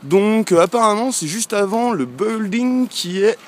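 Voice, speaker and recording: A man's voice: high voice, lively intonation, unhurried. A man from France, a travel vlogger, chatting casually to a handheld camera as he walks through a village street, rambling and often hesitating. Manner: talking while walking.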